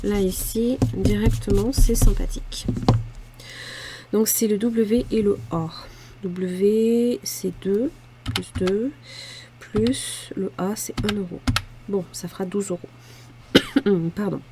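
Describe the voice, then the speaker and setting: Slow-talking southern French woman in her forties. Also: mid-range voice, fairly even intonation, heavy background noise. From France. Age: 40s. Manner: chatty, self-deprecating, muttering asides while handling cash. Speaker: budgeting vlogger. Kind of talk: casual talk to camera while filling savings challenges.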